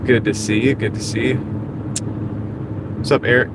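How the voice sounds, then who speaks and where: Driving for deliveries, this man livestreams and chats casually with viewers, greeting them and chuckling a lot. His mid-range voice has fairly even intonation and a moderate pace. The recording from his small wireless clip-on mic inside the moving car picks up road noise behind him.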